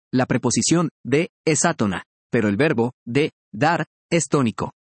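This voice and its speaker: A man reading a scripted language lesson in a measured, explanatory way, each word clearly pronounced. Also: fairly high pitch, no room sound. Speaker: language teacher. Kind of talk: scripted educational narration.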